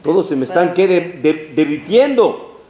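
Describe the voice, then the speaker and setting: A man voicing a proud ancient king who is losing his hold, speaking in a hurried, pleading way. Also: fairly high pitch, sing-song, warm tone. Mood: uneasy. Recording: roomy echo.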